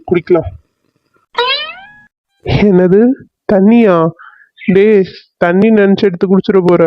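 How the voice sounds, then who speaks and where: A man's voice: sits high, dry recording, close to an everyday voice. A man voicing a bossy, teasing village friend. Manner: scolding, teasing, blunt. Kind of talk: cartoon serial voice acting. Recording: slightly dull lo-fi dry audio.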